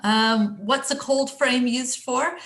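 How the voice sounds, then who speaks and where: A woman's voice: high voice, slow pace, a bit bright. An English woman chatting casually through a garden presentation on a video call, self-deprecating and full of fillers. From England. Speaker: guest speaker presenting her garden.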